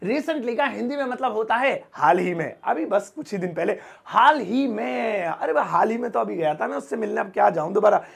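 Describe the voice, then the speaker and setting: A male teacher runs a playful vocabulary lesson, joking and acting out little everyday scenes. His voice sits fairly high and has a gravelly, husky edge. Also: animated, normal speed, hardly any pauses. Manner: joking, chatty, acts out everyday example lines. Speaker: English teacher.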